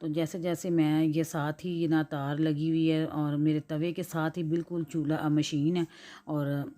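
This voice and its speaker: A woman in her forties with a Punjabi accent chats through her day in a low, mellow voice. She is hoarse from a flu and clears her throat now and then. She rambles easily from one thing to the next. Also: flat delivery, measured pace. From Pakistan. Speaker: cooking vlogger. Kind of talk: casual chatty vlog narration.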